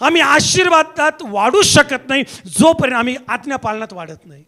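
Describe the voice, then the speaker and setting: A pastor, a man with a strikingly high voice, delivers an impassioned sermon. His calls come in rhythmic repeated phrases, dropping to near hushes and rising to shouts, with a sharp, bright edge to his tone. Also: expressive, moderate pace. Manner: impassioned preaching, swinging between hushed and shouted lines.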